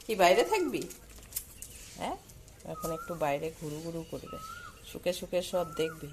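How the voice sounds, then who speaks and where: Hoarse woman chatting to her dogs. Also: huge pitch swings, normal speed, noisy background. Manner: coos and calls out high and loud to her dogs. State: hoarse with a cold and sore throat. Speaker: vlogger filming her dogs. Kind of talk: casual chatty vlog narration. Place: at home and just outdoors in the evening.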